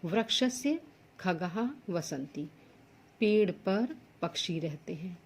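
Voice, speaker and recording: Woman teacher, patient explainer, slightly husky, lowish voice. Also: expressive, slow. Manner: reads each Sanskrit word, then explains it plainly in Hindi. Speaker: Sanskrit teacher. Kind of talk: school lesson going through textbook exercises.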